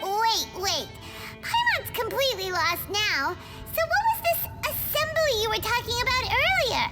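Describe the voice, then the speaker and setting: A woman voicing a tiny, excitable fairy companion girl who talks about herself in the third person, in a video game. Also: extremely high pitch, moderate pace, soft background music, exaggerated voice. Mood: curious.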